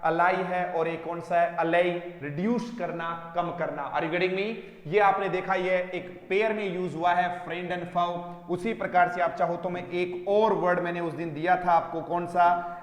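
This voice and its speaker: A man with a high voice teaches English vocabulary to an online class, calling his students dear children and quizzing them word by word. He speaks slowly and deliberately. The voice rings through an echoey room with a long, trailing reverb. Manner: addresses students as dear children, asks and repeats answers.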